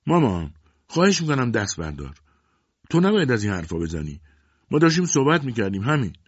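A man's voice: mid-range voice, wildly swooping pitch, warm tone, slightly rough, dry recording, dull audio, voice pushed up. A man voicing an anxious young woman pleading with her mother in a storybook reading.

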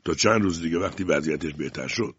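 A brusque, stern police commissioner, as a male audiobook reader plays him, very deep and husky. He speaks in a curt, official way, the sound dry and dull. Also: no echo. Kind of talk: audiobook character voice.

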